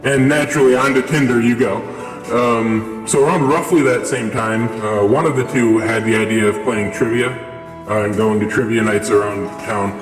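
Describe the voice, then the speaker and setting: A man's voice: mid-range voice, fairly even intonation, normal speed. A young man rambling through a casual story with lots of fillers, his voice run through a voice changer. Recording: echoey with long reverb, music behind.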